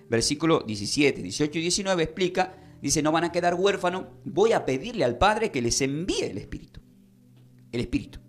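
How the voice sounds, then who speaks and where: A man preaching a Bible-study sermon, explaining verses and having his listeners repeat his phrases. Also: medium pitch. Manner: teaching, asking the congregation to repeat phrases. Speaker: pastor.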